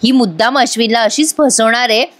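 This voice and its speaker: A woman narrates a voice-over episode review, speaking straight to the viewers. Her voice is somewhat high. She retells scenes in a chatty way and drops wry side remarks. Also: fairly quick. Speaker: TV serial reviewer.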